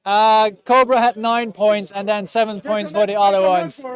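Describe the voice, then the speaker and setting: Very high-voiced man yelling excitedly. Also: moderate pace. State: losing his voice. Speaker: event host announcing prizes. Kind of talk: live-streamed award announcement.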